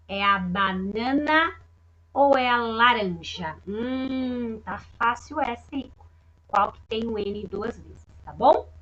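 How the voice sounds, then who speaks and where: A woman with a Brazilian Portuguese accent, teaching young children in a recorded lesson with slow, sing-song talk and frequent check-ins. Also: on the high side, pushed and bright, dull audio. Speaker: primary school teacher.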